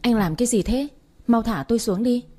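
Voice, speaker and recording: In this storybook reading, a feisty young woman running a noodle stall talks back in a raised, sharp voice, husky and mellow underneath, as the narrator puts her on. She is quick to protest and slow to back down. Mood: flustered. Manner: defiant, shrill protests.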